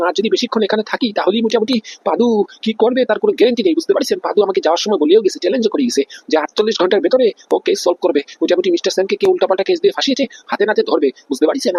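A man's voice: sits high, gravelly, darkish tone, breathy edge, exaggerated voice. A man voicing a panicky, feverish male police officer who takes bribes, whining and flustered in a cartoon comedy. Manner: whiny, flustered, keeps asking "understand?".

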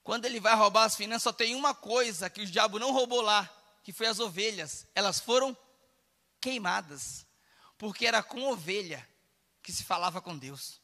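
A man's voice: high voice, moderate pace, bright, forceful tone, big-room sound. A man with a Brazilian Portuguese accent preaching a fervent, emphatic sermon as a pastor.

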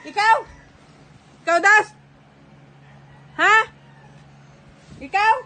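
A woman's voice: extremely high pitch, drawn-out words, bright, forceful tone. A mother in a casual family vlog, playfully pretending to be angry as she scolds her small children.

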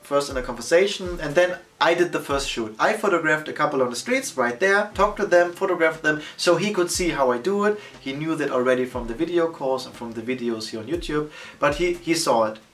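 A man in his thirties talking casually to the camera as a photography vlogger, animated and gesturing with both hands. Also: a little high, brisk, far from the mic, faint music behind. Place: indoor studio against a plain backdrop.

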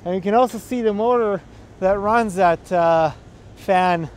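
A young man explains equipment in an instructional walkthrough, his voice sitting a little high. He halts often with fillers and restarts. He is recorded outdoors on a rooftop with a faint hum of the surroundings behind him. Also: unhurried. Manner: hesitant, many filler sounds and restarts. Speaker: energy auditor instructor.

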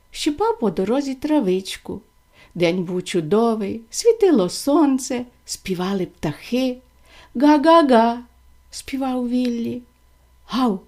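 A woman gently and expressively reading a children's fairy tale aloud. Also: fairly high pitch. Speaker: storyteller.

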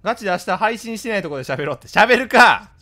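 A man with a Kansai accent chatting casually with his live-stream viewers, blunt and scolding in rapid-fire retorts. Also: sits high, lively intonation, a bit bright. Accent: Kansai Japanese.

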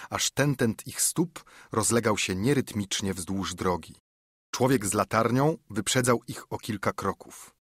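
A man narrating an audiobook in a steady, measured reading style. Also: on the low side, breathy edge, no echo, clean studio sound. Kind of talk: scripted narration.

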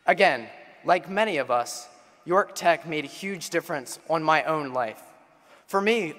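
Speaking in a Pennsylvania American accent, a young class president delivers a formal graduation address from a podium mic in a big auditorium. His slightly high, somewhat bright voice rises to stirring call-and-response refrains as long reverb fills the hall.

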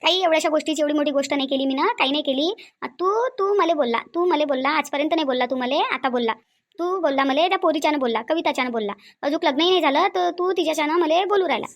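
A woman's voice: high-pitched, fast, lightly acted. A woman voicing an angry, scolding middle-aged mother-in-law in a cartoon, with a Varhadi Marathi accent and a habit of repeating herself. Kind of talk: cartoon voice acting.

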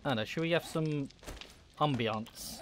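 Guy chatting through a survival game, keeps laughing, bit higher voice. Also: a little slow, a little hiss or hum. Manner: laughs often, jokey and chatty. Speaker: gaming channel host. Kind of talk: casual let's-play chat.

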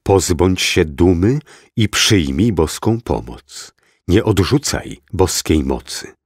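A man's voice: deep voice, expressive, slow pace, husky, dry recording, studio quality, exaggerated voice. A man voicing a greedy false prophet. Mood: coaxing. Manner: insistent, coaxing preaching.

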